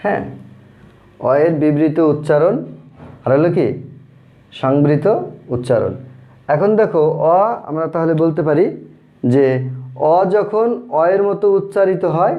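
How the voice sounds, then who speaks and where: A man's voice: on the high side, measured pace, long pauses. A male teacher giving a grammar lesson, patient, repeating terms and asking rhetorical questions. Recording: thin phone-like audio.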